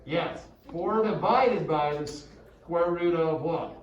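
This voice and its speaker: A man's voice: on the high side, takes it slowly, highs cut off, a little hiss or hum. A male math teacher giving a casual classroom lecture and checking in with the class often. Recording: echoey room, mic far off.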